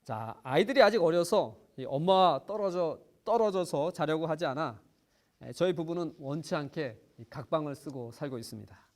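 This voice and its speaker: Guy preacher at a prayer meeting, kinda high voice, earnest story, lots of little fillers. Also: animated, normal speed. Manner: earnest storytelling with frequent fillers, swelling emphasis. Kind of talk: sermon, personal story.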